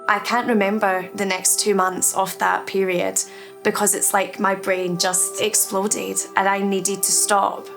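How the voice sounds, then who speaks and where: A Scottish woman in her thirties talks in a documentary interview, soft-spoken and candid. Her voice sits at a middle pitch and stays reflective. Music plays clearly underneath. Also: level tone, a little slow. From Scotland, Edinburgh. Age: 30s. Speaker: artist.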